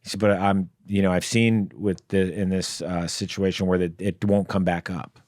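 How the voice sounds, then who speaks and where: Podcast guest: man, lowish voice, dry close sound, rambling storyteller. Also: flat delivery, normal speed, a little mellow, no echo. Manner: rambling anecdotes with fillers and laughs. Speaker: guest comedian. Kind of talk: casual storytelling. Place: podcast studio.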